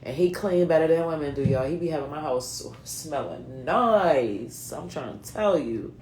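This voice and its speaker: A card reader in her late thirties talks straight to her viewers in a chatty, slangy way, her accent a blend of New England, Philadelphia, North Carolina and Delaware from the US East Coast. Her voice sits low, a little mellow and expressive, at a moderate pace. It sounds reverberant, with slight background noise.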